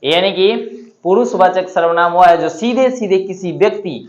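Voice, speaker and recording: A man teaching English grammar to a class, repeating each phrase slowly and often checking that students understand. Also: high-pitched, dull audio. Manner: slow, repetitive drilling, checking understanding. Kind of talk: classroom lesson. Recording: echoey classroom.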